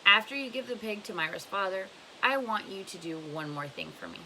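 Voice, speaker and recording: A woman reads a storybook in the voice of a blunt, scornful old woman handing out emphatic advice, firm and instructive, often posing questions. Her mid-range voice swings widely in pitch, the pace is brisk, and there's background noise.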